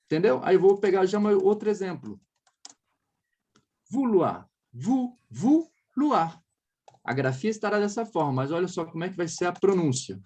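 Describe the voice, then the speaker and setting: A man's voice: high-pitched, expressive, brisk, dark tone. A man with a Brazilian Portuguese accent giving a casual one-on-one French lesson, explaining patiently, modelling sounds for his student to repeat and often checking that she follows. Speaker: French teacher.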